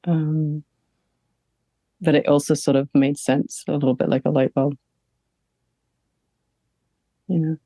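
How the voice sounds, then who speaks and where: A woman talks through her feelings in a therapy session over a video call, halting and unsure, stopping often to find the right word. Her voice is soft and mellow. The sound is dry and close. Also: sits low, level tone, no echo. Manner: hesitant, halting, searching for words. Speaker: therapy client. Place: home.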